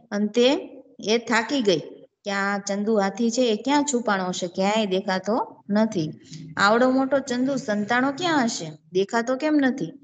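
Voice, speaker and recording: Woman telling a kids' story. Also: mid-range voice. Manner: chatty, asks the listeners questions and answers them. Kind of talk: reading and explaining a children's story.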